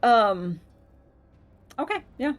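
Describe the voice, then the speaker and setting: A woman's voice: a little high, big pitch swings, extremely slow. A woman acting as game master, narrating a tabletop game casually and informally.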